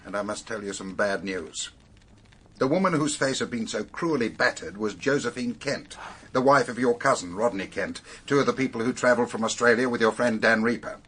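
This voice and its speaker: In a radio drama, a middle-aged English-accented actor plays a sober, matter-of-fact male police detective, measured and authoritative. His mid-range voice is a bit bright and slightly rough, and the mood is grave.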